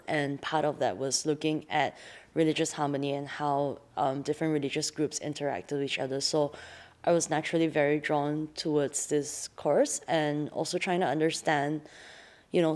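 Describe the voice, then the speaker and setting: Low-voiced woman from Malaysia. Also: a little mellow. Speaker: graduate student. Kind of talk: recorded student testimonial.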